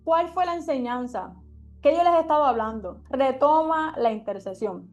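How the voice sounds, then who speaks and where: A young woman with a high, light voice leads a Bible study and shares a heartfelt testimony. She tells her story in a warm sermon style and keeps asking her listeners rhetorical questions. Soft music plays faintly behind her. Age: young adult.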